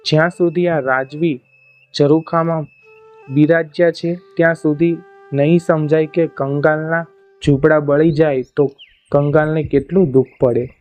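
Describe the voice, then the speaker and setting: A man's voice: on the high side, fairly even intonation, measured pace, a little mellow, close to an everyday voice. A man voicing a stern angry king. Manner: stern, reproachful. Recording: dull lo-fi audio, faint music.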